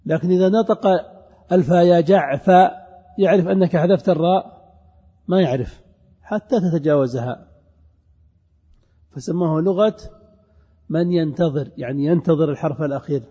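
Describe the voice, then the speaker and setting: A man with a very dark, mellow voice teaches a grammar class, drawing out each recited example with deliberate emphasis and calling on his students. The sound is muffled and lo-fi, with a long reverb from a large hall. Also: on the high side, slightly rough. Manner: stretches out recited verses and examples slowly, with emphasis; addresses students directly.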